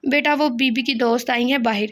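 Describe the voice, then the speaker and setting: A woman reading the part of an older man of the household who speaks in a hesitant, halting way. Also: on the high side, steady tone, close to an everyday voice.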